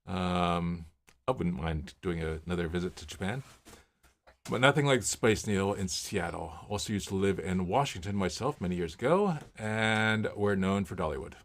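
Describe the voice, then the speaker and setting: His voice sits low, with lively intonation and a moderate pace. A man in his fifties from Miami, Florida, he hosts a casual livestream from his home office, chatting about viewer comments in rambling, filler-laden stories.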